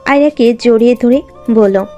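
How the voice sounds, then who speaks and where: A woman narrating a romantic audio drama story in a steady storytelling voice. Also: fairly high pitch, moderate pace, soft background music.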